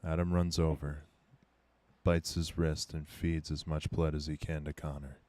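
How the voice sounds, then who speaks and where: Very deep-voiced male game master. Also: little pitch movement, measured pace, warm tone. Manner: grim dramatic narration. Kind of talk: narrating a tabletop game. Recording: faint background music.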